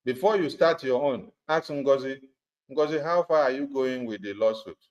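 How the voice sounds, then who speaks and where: A man addresses a group over a conference call. His voice has an ordinary middle pitch and comes through a dull, muffled call line. He talks emphatically and drives his points home by repeating them. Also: moderate pace, a little mellow. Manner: emphatic and repetitive, hammering points. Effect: conference call audio. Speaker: activist speaker addressing supporters. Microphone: phone or computer on a group call.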